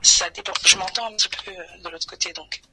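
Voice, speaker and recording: A woman's voice: lowish voice, fairly quick, bright, forceful tone, slight background noise. A young woman from Paris, a guest singer on a radio interview, speaking hesitantly and modestly, a little tired. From France (Paris).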